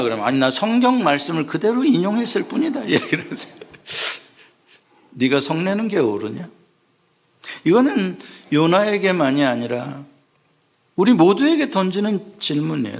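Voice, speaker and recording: A man's voice: on the high side, gravelly. A man preaching a Sunday sermon as pastor, asking the congregation questions and acting out the lines he quotes. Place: church sanctuary.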